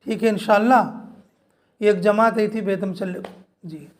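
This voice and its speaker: A man's voice: sits high, steady tone, normal speed. A man preacher giving an informal sermon to a women's group, repeating his points in earnest, direct appeals. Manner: repetitive, earnest exhortation addressing listeners directly. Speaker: Islamic preacher.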